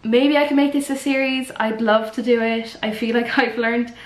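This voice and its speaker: Here a young female vlogger rambles through earnest advice to her camera, chatty and heavy on fillers. Her pitch is fairly high, her tone steady, her pace moderate, and the room echoes around her.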